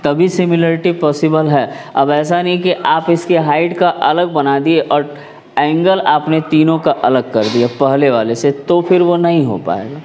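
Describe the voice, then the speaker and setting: A man's voice: on the high side, measured pace, a little mellow, slight background noise. A man teaching a math class, explaining patiently and often asking whether the students follow. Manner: explanatory, checks understanding with repeated questions.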